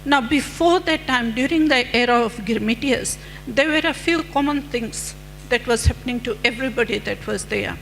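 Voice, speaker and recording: Conference speaker: middle-aged woman, fairly high voice, measured lecturing delivery, reverberant hall with faint hum. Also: vocal fry, fairly bright tone. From Fiji. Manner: measured, lecturing with rhetorical questions. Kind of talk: conference presentation.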